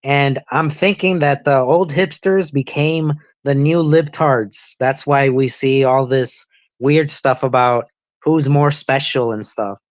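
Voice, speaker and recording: A man's voice: mid-range voice, fairly even intonation, slow pace, no room sound. A man in casual podcast talk, wry and opinionated. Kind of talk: casual discussion.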